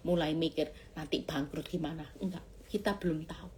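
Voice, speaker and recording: A woman's voice: deep voice, fairly quick. A middle-aged woman evangelist preaching a chatty live-stream sermon, acting out cries and prayers and asking her listeners questions. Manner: animated, acts out cries and prayers, jumps to shouts.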